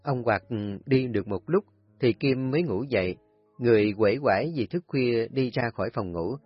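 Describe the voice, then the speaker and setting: A male storyteller reads a scripted story in a steady, even manner, his voice husky and close to the mic. The recording is dull and lo-fi, with faint music playing underneath. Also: mid-range voice, normal speed, no room sound.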